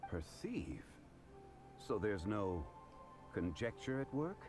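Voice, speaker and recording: Zhongli, a deep, stately scholar. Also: male voice, very animated, music in the background. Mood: calm. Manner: measured, formal, analytical. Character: calm, learned male scholar, stately and composed. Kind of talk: game dialogue.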